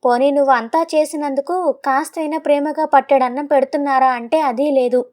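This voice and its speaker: A woman's voice: high voice, fairly even intonation, brisk, a little mellow, lightly acted. A woman voicing a devoted grown elder son who pleads with a trembling voice. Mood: grieving.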